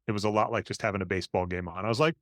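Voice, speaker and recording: A man's voice: fairly low pitch, steady tone, rapid-fire, dry recording, studio quality. A man in casual conversation with a wry, bantering way of talking. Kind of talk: casual chat.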